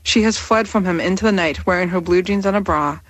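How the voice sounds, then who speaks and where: A woman in her thirties reading her own personal essay aloud in a candid, wry, measured way. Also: on the low side, no echo. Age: 30s.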